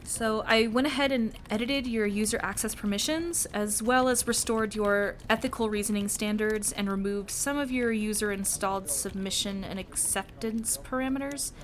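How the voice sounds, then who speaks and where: A woman playing a weary female tech-support agent who talks haltingly, with many fillers. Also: mid-range voice, a little hiss or hum, natural voice. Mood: hesitant.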